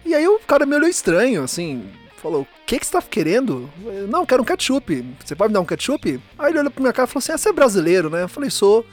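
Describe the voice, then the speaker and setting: A man's voice: high voice, very fast, hardly any pauses, soft background music. A man telling an anecdote in a casual interview, acting out the dialogue. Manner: animated storyteller acting out dialogue.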